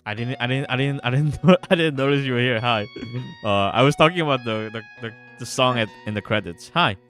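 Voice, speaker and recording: A game developer chats casually on a livestream, stammering and repeating his words, mixing in some read-aloud narration while guitar music plays behind him. His voice is mid-range and a bit bright, and he talks fairly quickly.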